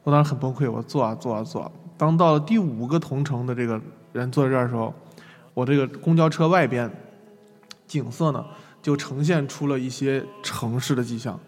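Fast-talking man lecturing online. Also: mid-range voice, big-room sound. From China. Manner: lively, self-mocking storytelling with laughs.

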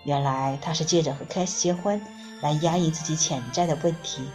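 Woman reading a book out loud, calm and steady, lowish voice, soft music behind. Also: fairly quick. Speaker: audiobook reader. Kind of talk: narrating a book, first person as therapist.

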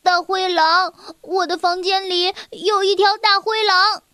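A woman's voice: extremely high pitch, unhurried, a little mellow, dry recording, clean studio sound. A woman voicing a frightened little girl in a children's storybook, speaking in an urgent, pleading way. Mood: scared. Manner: breathless, pleading, scared.

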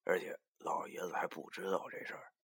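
A man voicing an anxious middle-aged man who pleads in a soft, breathy near-whisper. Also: deep voice, level tone, a little fast. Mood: pleading, secretive.

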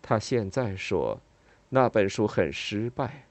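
Lively, dry-voiced audiobook narrator. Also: mid-range voice, takes it slowly, no room sound. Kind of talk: scripted first-person audiobook narration.

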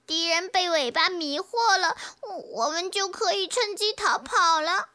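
A woman voicing a timid little gecko who cries and sniffles between squeaky, whimpering phrases in a children's storybook. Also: measured pace, sharp tone, exaggerated voice. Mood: tearful, whimpering. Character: tiny crying baby gecko, timid and tearful.

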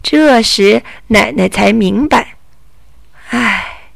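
Woman, reading a children's story, slow deliberate narration, higher voice, dry. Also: creaky, no echo.

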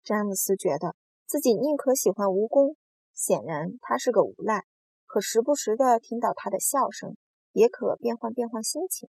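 A woman narrating a children's storybook in a calm, even reading voice. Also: fairly high pitch, moderate pace, breathy edge, no echo.

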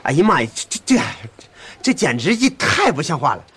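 A stammering, indignant villager. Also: male voice, a little high, sing-song, brisk, fairly bright tone, slightly rough, heavily acted. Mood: outraged. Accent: Northeastern Mandarin. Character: agitated, righteous village man.

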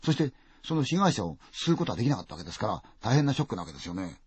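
A very husky, raspy man tells a ghost story with lively, swinging pitch and a brisk pace, full of vivid sound words and sudden drops from loud to hushed. The recording is dull and dry. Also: dry recording. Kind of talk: dramatic ghost story telling.

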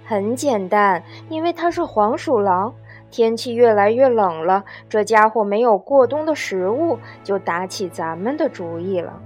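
A woman voicing a calm mother hen who reassures and instructs the flock, for a children's story. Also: medium pitch, measured pace, husky, soft background music. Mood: explaining.

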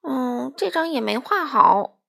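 A cross little storybook frog who shouts and sulks over his failures, played by a woman. The voice sits high and swoops widely, with a husky, breathy edge. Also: lively intonation, normal speed, exaggerated voice. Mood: angry, frustrated. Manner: shouty, sulky complaining. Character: frustrated young male frog, quick-tempered.

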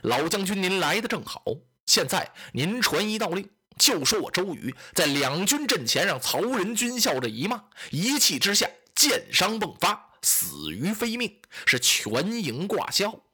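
A man voicing a cunning young commander in a told tale, speaking calmly and assuredly in a lowered voice. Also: a little slow, few pauses, slightly rough, exaggerated voice.

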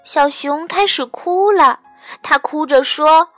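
Slow, bright-voiced woman storyteller. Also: sits high, no room sound. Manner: gentle, expressive. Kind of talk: children's story reading. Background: faint background music.

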